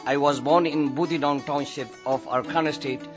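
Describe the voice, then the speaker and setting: A man reading a first-person testimony as a steady voice-over. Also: fairly high pitch, normal speed, muffled recording, music in the background.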